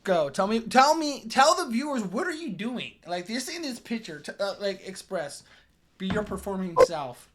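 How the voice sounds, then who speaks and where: A man speaking informally as game master, narrating a tabletop game in a halting, excitable way. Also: high voice.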